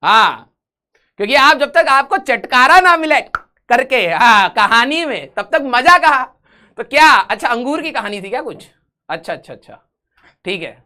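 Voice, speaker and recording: A man's voice: extremely high pitch, sing-song, moderate pace, bright, forceful tone. A man teaching physics in a live online class, teasing his students with jokes and banter before reading out questions. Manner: switches to English when reading questions.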